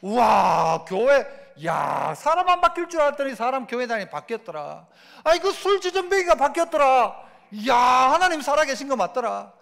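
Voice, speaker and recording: A man acting out gossiping townsfolk who exclaim in loud amazement, heard in a reverberant church sanctuary. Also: very high voice, big pitch swings, moderate pace, gravelly, heavily acted. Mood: amazed gossip. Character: gossiping middle-aged male townsfolk, amazed.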